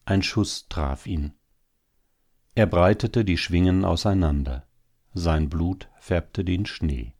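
Deep, dark-voiced male audiobook narrator. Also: slow pace.

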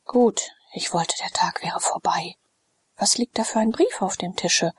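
A woman's voice: medium pitch, unhurried, husky. A woman reading the part of a sleepy, world-weary Roman nobleman who talks in a half-whisper.

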